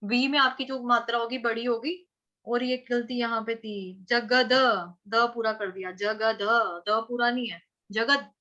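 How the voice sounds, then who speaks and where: A woman's voice: a little high, fairly even intonation, a little slow, sharp tone, lo-fi sound. A woman teaching Sanskrit verse pronunciation in an online class, patiently drilling syllables and chanting lines.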